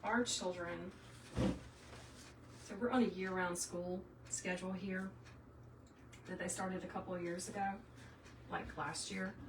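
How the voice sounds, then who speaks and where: Unhurried and pausing often, this middle-aged Southern woman speaks with a lowish, steady voice. She's a craft tutorial livestream host from South Carolina, chatting casually and folksily with her audience. The audio sounds roomy, with a distant mic and faint noise.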